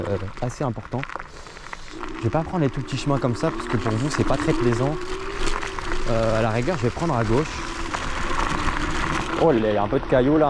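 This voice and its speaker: Young Frenchman vlogging, noisy outdoor recording. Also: medium pitch. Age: young adult. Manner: informal, slangy, enthusiastic. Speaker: vlogger on an electric scooter. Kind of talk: casual ride-along vlog chat. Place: outdoors, riding through streets and forest. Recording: noisy outdoor ride, vehicle and wind noise.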